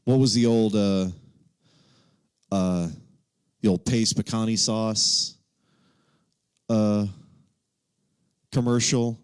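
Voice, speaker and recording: A man's voice: on the low side, steady tone, slow, long pauses, clean tone, no room sound, clean studio sound. A man from Texas, casually hosting a live quiz and thinking aloud as he reads out the answer options. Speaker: livestream quiz host.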